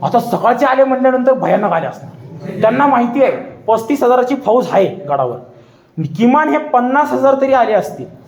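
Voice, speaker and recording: High-voiced dramatic male storyteller. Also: darkish tone. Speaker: public speaker. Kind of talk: storytelling history lecture. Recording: echoey hall.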